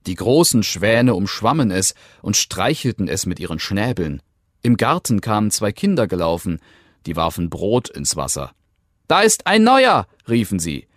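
A man reading a fairy tale aloud, expressive, dropping to hushed tones and lifting again. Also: low-pitched, moderate pace, no echo, studio quality. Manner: expressive, swinging between hushed and lifted tones. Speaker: storyteller.

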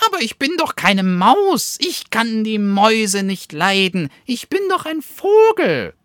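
A man voicing a frightened little female bat who squeaks and pleads in a storybook fable. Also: huge pitch swings, unhurried, a bit bright, dry recording, studio quality, heavily acted. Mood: terrified pleading.

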